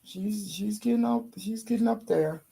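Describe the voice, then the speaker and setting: Hoarse gravelly woman hosting a livestream. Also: mid-range voice, normal speed, a crowd in the background. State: hoarse, losing her voice. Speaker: livestream host. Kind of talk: casual livestream chat.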